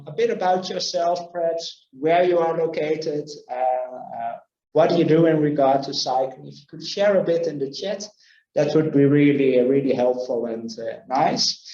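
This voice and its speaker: A man's voice: fairly high pitch, a little mellow, echoey room, muffled recording. A man opening a webinar as host, hesitant and full of fillers. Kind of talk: webinar introduction.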